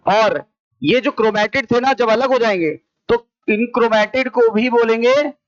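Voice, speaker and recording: A man's voice: very high voice, moderate pace, no echo, muffled recording. A man with an Indian accent teaching a biology class, firing the same question at students again and again. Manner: repetitive question-and-answer drilling. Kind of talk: classroom lecture. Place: coaching classroom.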